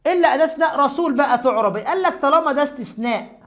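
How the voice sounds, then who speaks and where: Woman, Egyptian accent, grammar teacher, brisk pace, slightly high voice, coaxing. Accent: Egyptian Arabic. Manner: lively and coaxing, talks straight to students. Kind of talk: casual explanatory lesson.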